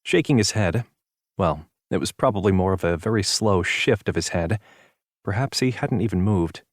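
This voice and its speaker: Guy reading an audiobook, low and steady, dry sound. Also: normal speed, no echo. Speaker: audiobook narrator. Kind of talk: scripted narration.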